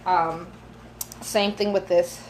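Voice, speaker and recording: A woman's voice: fairly low pitch, steady tone, takes it slowly, darkish tone, a little hiss or hum. A woman chef giving a live cooking demonstration in a kitchen, chatty and instructive, joking with her helpers, recorded on a phone camera. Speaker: chef and caterer. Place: home kitchen, indoors.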